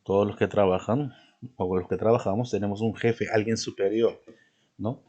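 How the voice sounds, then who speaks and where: A man teaching a spelling lesson, patient, repeating points and asking the listener often, clearing his throat now and then. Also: lowish voice, fairly even intonation, normal speed, mellow, dull audio.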